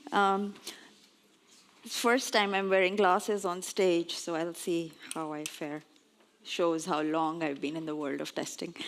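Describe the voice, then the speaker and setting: A woman's voice: medium pitch, fairly bright tone. A woman in her forties, originally from Pakistan, giving a conference talk on stage in a chatty, lightly self-mocking way. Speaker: conference speaker. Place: on stage before an audience.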